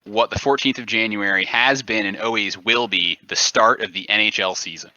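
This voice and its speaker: Brief: young male co-host, low pitch, very forceful bright tone, dull lo-fi recording. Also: moderate pace, no room sound. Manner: jokey and rambling. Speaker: podcast co-host. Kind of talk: casual chat.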